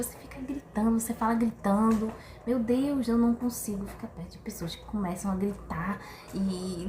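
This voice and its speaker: A woman giving a casual opinion monologue to camera, chatty and animated, full of rhetorical questions and exasperated sighs. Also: fairly high pitch, a little hiss or hum. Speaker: vlogger. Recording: echoey room with faint ambience.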